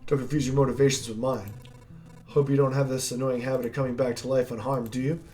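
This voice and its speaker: A man's voice: medium pitch, level tone, quick pace, darkish tone, soft background music, lightly acted. A man voicing a gloating male monster hunter villain in a game, with a theatrical, sneering drawl.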